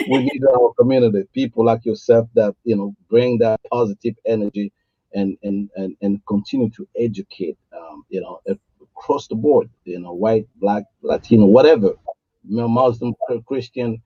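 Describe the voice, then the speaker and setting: A man's voice: mid-range voice, expressive, normal speed, breathy edge, no room sound, muffled recording. A man hosting an interview show, hesitant, with many fillers and restarts. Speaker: show host.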